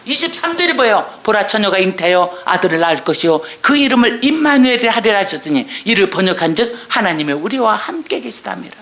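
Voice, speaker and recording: A woman's voice: mid-range voice, fast, few pauses, echoey room. An older woman giving an emotional church testimony, sighing and exclaiming, sometimes dropping to a whisper. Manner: emotional, animated, exclaims and sighs.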